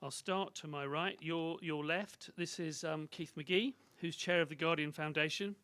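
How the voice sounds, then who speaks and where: A man with a fairly high voice moderates a conference panel, reading out each speaker's titles formally and pausing with small fillers. He is close to the microphone in a conference room, and the sound is dry. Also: fairly even intonation, bright, forceful tone, clear, resonant tone, no room sound.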